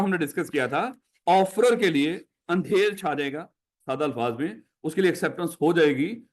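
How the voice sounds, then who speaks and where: A man with a Pakistani Urdu accent lecturing a class, repeating each question to drill it in and calling his students "my child". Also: on the high side.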